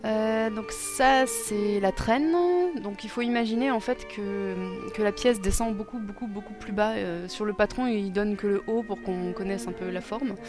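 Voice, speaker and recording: A young woman casually explaining a costume sewing project, hesitant and self-deprecating with many pauses and fillers. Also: medium pitch, fairly even intonation. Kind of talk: casual tutorial narration. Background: music.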